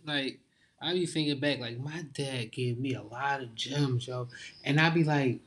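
Young man talking in halting slang. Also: mid-range voice, a bit bright. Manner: informal slang, halting restarts. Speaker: guest. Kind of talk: casual heartfelt conversation.

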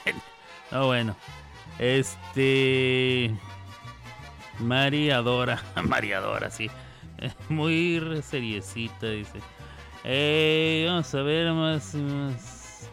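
A man's voice: mid-range voice, creaky, fairly bright tone. A man with a Mexican accent hosting a radio show, chatting playfully and teasing listeners as he reads their comments. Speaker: radio host. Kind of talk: casual radio chat. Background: music.

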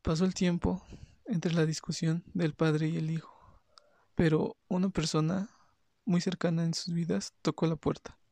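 Gravelly-voiced man reading a story. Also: on the high side, moderate pace, no echo. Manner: plain, steady narration with small restarts.

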